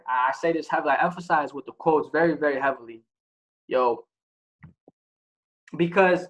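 A man's voice: fairly high pitch, fairly bright tone, muffled recording. A man giving a casual motivational talk as host, blunt and profane, asking many rhetorical questions. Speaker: podcast host.

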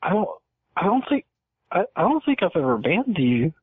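A man's voice: high-pitched, big pitch swings, normal speed, breathy edge, dry recording. A man phoning in as a guest, talking over a phone line in casual chat, hesitant and stammering. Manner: hesitant, stammers and repeats words. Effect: heard over a phone line.

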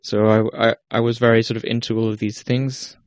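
A man's voice: lowish voice, flat delivery, brisk, a little mellow, no echo. A young man from Iceland with an Icelandic accent, a guest musician talking casually about his path and often restarting his sentences. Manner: hesitant, many restarts and fillers. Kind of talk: casual interview talk.

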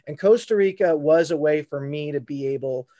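Middle-aged guy rambling on as a guest, kinda high voice, laughs a lot. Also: moderate pace. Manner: animated, rambling, laughs often. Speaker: guest, fair performer. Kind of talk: casual interview chat.

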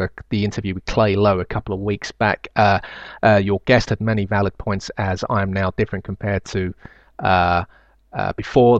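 A man's voice: fairly low pitch, dry recording. A man hosting a casual solo podcast, reading out listener emails with hesitant ums and uhs and dry self-mocking asides. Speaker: podcast host.

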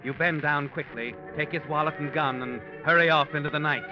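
A man's voice: on the high side, fairly even intonation, brisk, close to an everyday voice. An actor playing a grave male storyteller, narrating a mid-century radio thriller. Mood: grave, suspenseful. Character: grave storyteller addressing the killer as you. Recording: muffled old radio recording over music.

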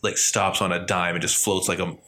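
Man, somewhat low voice, bright tone, excited casual chat, faint noise behind. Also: a little fast. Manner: excitable, profane, piles on vivid detail.

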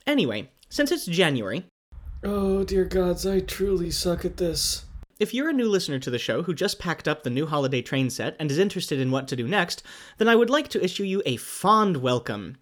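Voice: medium pitch, big pitch swings, quick pace. An American graduate student in their twenties hosting a hobby podcast, chatting casually with wry, self-mocking asides. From United States. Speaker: podcast host.

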